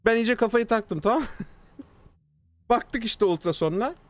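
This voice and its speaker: High-voiced animated male streamer. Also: unhurried, dry recording. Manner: animated, swears freely, acts out quoted dialogue. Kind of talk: casual storytelling to a live chat.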